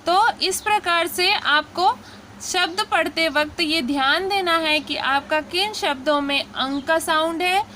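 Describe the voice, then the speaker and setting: A woman teaching a Hindi lesson in a high, bright voice. She talks slowly and patiently, repeating syllables one by one in a drill. A faint hum of noise sits under the recording. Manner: patient, drawn-out syllable drills with frequent "theek hai". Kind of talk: slow spoken lesson.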